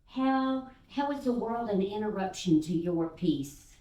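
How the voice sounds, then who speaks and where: A woman's voice: mid-range voice, measured pace. An older woman from Texas, a guest speaker giving a sermon, telling stories with fillers and acting out the voices of the people in them. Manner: animated storyteller who acts out voices, with fillers. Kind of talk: storytelling sermon. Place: church sanctuary. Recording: roomy sound from a distance.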